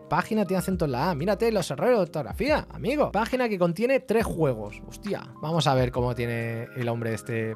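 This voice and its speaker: A man talks through a casual live stream in a somewhat high voice that jumps around animatedly. He is blunt and joking, tossing in colloquial interjections, with faint music playing underneath. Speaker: streamer reviewing web portfolios.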